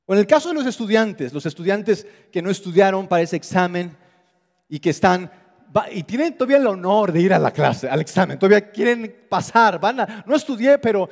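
A pastor with a high-pitched, gravelly voice preaches a brisk, animated sermon, acting out quoted voices and dropping to a hushed low register for emphasis. The long reverb of a church hall rings around him.

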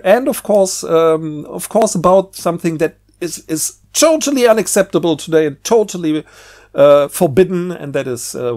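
A man with a slightly high, darkish voice hosts an unscripted, casual book review video. He talks hesitantly and rambles, repeating words.

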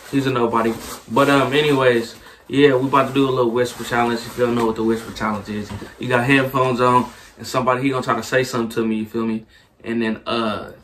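A man's voice: mid-range voice, a bit bright, distant mic, slight background noise. A young man hosting his channel, joking in casual slang and often asking "you feel me". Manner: slangy, playful, keeps saying "you feel me". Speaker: channel host. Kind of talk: casual video chat. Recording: roomy echo, away from the mic.

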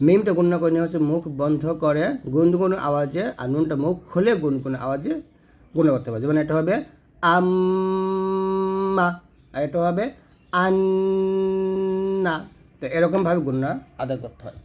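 A man with a slightly high voice leads a Quran pronunciation lesson. He sounds out each letter slowly and carefully, then explains in plain, steady terms where the tongue and throat should be placed. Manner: self-corrects mid-lesson. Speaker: Quran recitation teacher.

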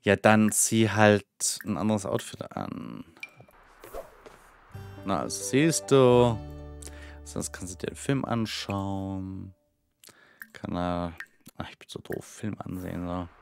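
A man's voice: sits low, slow, gravelly, long pauses, clear, resonant tone, faint music behind. A man giving casual gameplay commentary and chatting to the characters on screen. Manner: chatty, talks to his game characters. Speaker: let's player.

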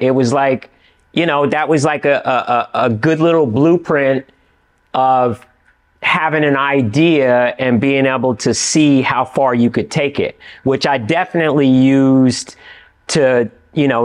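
A middle-aged man from California chatting as a guest in a studio interview. He talks with animated energy and keeps checking in with "you know what I mean". His pitch sits in an ordinary middle range for a man. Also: measured pace. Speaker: actor and writer, interview guest. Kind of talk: casual interview chat. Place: indoor studio with dark backdrop.

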